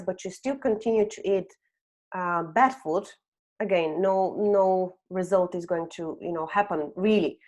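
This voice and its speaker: Presenting slides in a webinar, an HR consultant in her thirties, from Bulgaria originally, speaks with a medium-pitched, darkish voice. Her habit of saying "um" and tacking on "okay?" shows up often.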